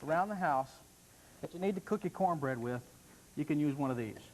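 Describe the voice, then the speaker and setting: A male vendor gives a live home shopping demonstration with folksy, joking patter. He talks very quickly in a slightly high voice. There is faint background noise on the broadcast. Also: animated, darkish tone, poor audio. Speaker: guest product vendor and demonstrator. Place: TV studio demonstration set.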